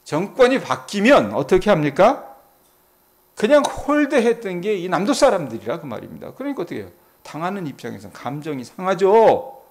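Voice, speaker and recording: A middle-aged male pastor, preaching an early morning Bible sermon and asking the congregation questions, then answering them himself. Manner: acts out quoted voices with sudden pitch jumps. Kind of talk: dawn service Bible exposition sermon.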